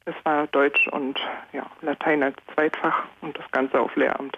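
A woman's voice: sits low, little pitch movement, a little slow, creaky, slightly rough. A young woman in her twenties joins a radio chat as a student guest. She answers modestly and a little hesitantly, laughing easily. The sound is muffled and lo-fi.

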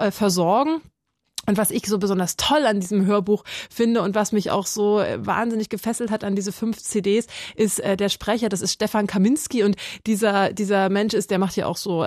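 Woman host, casual halting review chat, dry sound. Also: medium pitch, darkish tone, no echo. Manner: hesitant, many restarts.

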